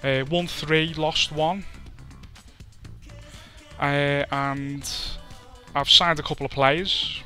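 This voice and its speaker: With drawn-out words and long pauses, a Liverpool man speaks in a steady, bright, forceful voice on the high side, faint music behind. He's doing casual, self-deprecating let's-play commentary over a football video game in a chatty Scouse accent.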